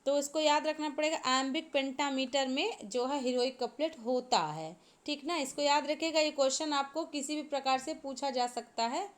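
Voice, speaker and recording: With a voice that sits high, a female teacher gives an exam-prep lecture at normal speed and with few pauses. She breaks every point down in steps, repeats the key terms, and prompts the class for answers.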